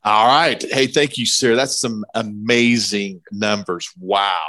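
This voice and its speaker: A man hosting a casual talk show, upbeat and playful as he asks quick questions. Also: on the low side, steady tone, pushed and bright, no echo. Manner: upbeat, playful quiz asker. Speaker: host.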